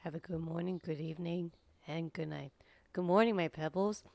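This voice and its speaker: A woman streamer just out of bed, chatting casually in a deep, sleepy morning voice and rambling with many fillers. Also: moderate pace, gravelly, a little mellow, no room sound.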